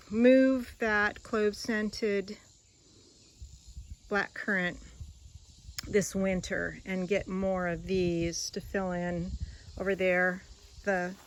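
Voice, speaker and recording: A gardening vlogger gives an unscripted tour of her garden, walking about outdoors and chatting casually as she shows what is there. Her mid-range voice is slow and fairly even, musing and rambling, often trailing off mid-thought. Faint crickets and insects fill the outdoor ambience.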